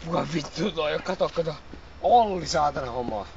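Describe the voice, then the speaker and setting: A man's voice: on the high side, animated, recorded from a distance. Drunk young man, slurred and swearing. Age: young adult. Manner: slurred, rambling, swearing constantly, bursts of shouting. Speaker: friend being filmed. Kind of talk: casual drunken chatter filmed by a friend. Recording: lo-fi noisy home video.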